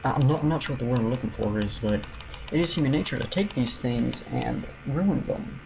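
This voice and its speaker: A man streaming a building game, giving casual commentary and rambling aloud with frequent restarts and soft trailing mutters. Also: mid-range voice, brisk, gravelly, background noise.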